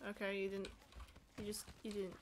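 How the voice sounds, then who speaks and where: A woman's voice: medium pitch, completely flat delivery, moderate pace. A woman chatting casually while streaming a game, with a blunt, sweary way of talking. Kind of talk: casual live gameplay chat.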